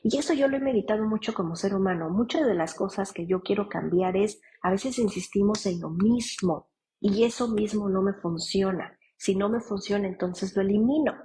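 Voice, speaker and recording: A middle-aged woman psychologist, calmly explaining steps to parents and often checking in with "ok?". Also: medium pitch, normal speed, slightly rough, low-quality recording. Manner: calm, repeats "¿ok?" to check in.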